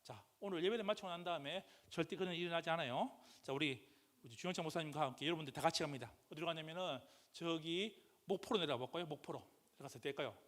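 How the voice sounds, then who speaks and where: A man preaching a sermon as pastor, questioning the congregation call-and-response style and rising to loud, impassioned outbursts. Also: a little high, fast. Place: church sanctuary. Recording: church hall reverb.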